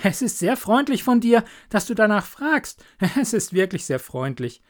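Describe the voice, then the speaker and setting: A man's voice: big pitch swings, normal speed. A man voicing a poor, humble young gardener in a storybook, speaking eagerly and gratefully in a raised voice. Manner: eager, grateful, high-pitched.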